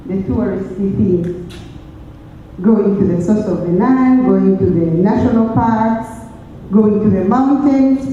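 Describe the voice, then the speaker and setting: A woman in her forties with a Ugandan accent speaks in a measured, reflective tone. Her voice is very dark and mellow. She sounds a bit far from the mic, in a big echoing hall with a long reverb. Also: mid-range voice, dull audio, slight background noise. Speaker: interviewee sharing experiences. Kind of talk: reflective personal talk.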